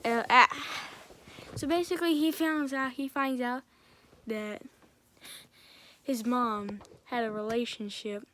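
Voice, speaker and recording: A woman with a slightly raised pitch talks through a film's story as a casual reviewer. She rambles, restarts and links every beat with "and then", keeping it loose and conversational. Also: steady tone, slow pace, pauses often, a bit bright, a little hiss or hum. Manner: rambling, strings events together with "and then". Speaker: film reviewer. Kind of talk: casual film recap.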